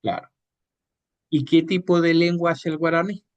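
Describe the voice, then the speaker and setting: A man's voice: on the high side, steady tone, moderate pace. A male radio host who puts short, direct questions to his guest.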